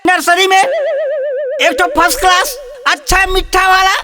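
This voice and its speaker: A man's voice: very high-pitched, expressive, measured pace, over loud music. An actor playing a pushy young male caller who orders tea in a bossy way, with a Chhattisgarhi accent. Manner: bossy, wheedling. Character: pushy young male local tough on the phone. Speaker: phone caller.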